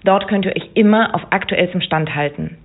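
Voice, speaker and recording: A woman hosting a remote podcast, asking chatty questions with fillers, heard over a low-quality phone line. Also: normal speed, slightly rough. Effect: low-quality phone-line sound. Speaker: podcast host.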